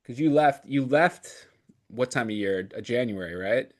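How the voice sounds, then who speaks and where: Male podcast co-host, mid-pitched, thoughtful and halting. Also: lively intonation. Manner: hesitant, reflective, many fillers. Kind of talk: casual chat.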